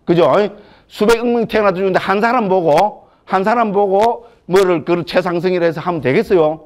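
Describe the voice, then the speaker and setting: A man's voice: sits high, fairly quick. A man, a Buddhist monk, lecturing on scripture in a chatty, joking way full of rhetorical questions.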